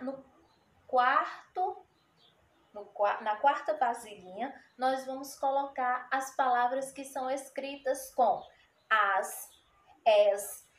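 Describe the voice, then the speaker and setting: A woman teacher giving a spelling lesson to children, saying each word twice and explaining it patiently. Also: high voice. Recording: echoey room.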